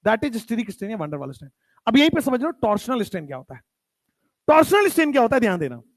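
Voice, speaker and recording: High-voiced, lively male chemistry teacher. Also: dry recording. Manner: emphatic, repeats key terms, drops pitch at definitions. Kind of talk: classroom lecture.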